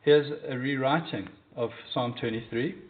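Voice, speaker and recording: A man's voice: medium pitch, normal speed. A man preaching a sermon in an earnest, conversational way, repeating key points for emphasis. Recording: tinny phone-like audio.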